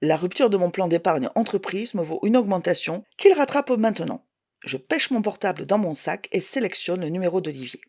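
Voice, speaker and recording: A woman's voice: fairly low pitch, lively intonation, a little fast, a little mellow, no echo, clean studio sound. A woman in her forties reading her own novel aloud as a first-person audiobook, telling the story expressively. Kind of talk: audiobook narration.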